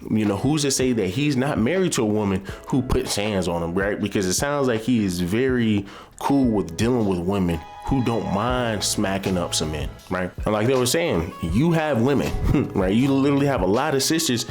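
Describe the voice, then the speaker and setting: A man's voice: fairly low pitch, lively intonation, normal speed, a little mellow, faint music behind. A man giving opinionated reaction commentary, rambling and repeating himself as he makes his point. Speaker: commentary host.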